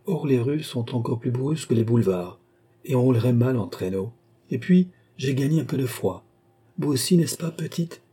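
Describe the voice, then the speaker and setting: A man voicing a lively noblewoman of about thirty who gives brisk, commanding orders. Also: mid-range voice, husky. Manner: brisk, imperious questions.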